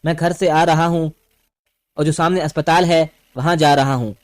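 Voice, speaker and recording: A man's voice: a little high, steady tone, close to an everyday voice. A man voicing a desperate young husband who begs and pleads in an audio story. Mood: explaining. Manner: begging, pleading.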